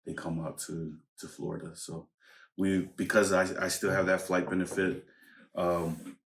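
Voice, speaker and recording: Male podcast guest, deep flat voice, reflective and halting delivery, roomy echo. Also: creaky, recorded from a distance. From United States. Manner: unhurried, hesitant, reflective. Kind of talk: casual chat. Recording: echoey room.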